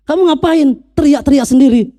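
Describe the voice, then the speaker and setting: Man doing a high, loud, mocking husband in a sermon anecdote; dismissive scoffer, mellow tone. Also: no room sound, studio quality. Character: scoffing doubtful middle-aged husband.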